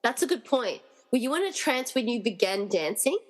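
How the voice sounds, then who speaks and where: In an amateur radio play, a woman voices an earnest, determined young heroine who questions things, and her tone is earnest and questioning. Her fairly high voice swings widely in pitch at a moderate pace. The room sound is reverberant, like a hall.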